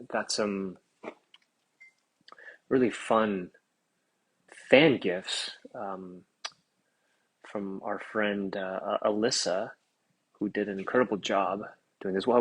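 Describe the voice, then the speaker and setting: Husky man rambling on a phone livestream. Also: fairly low pitch, low-quality recording. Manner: rambling, self-aware filler talk; upbeat and chatty with guest. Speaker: actor promoting his film on a livestream. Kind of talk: casual livestream chat.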